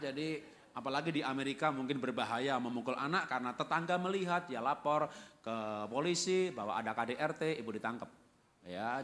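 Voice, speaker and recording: A man's voice: medium pitch, fairly bright tone. A male pastor preaching a sermon in a church, speaking in a folksy way and asking his listeners questions.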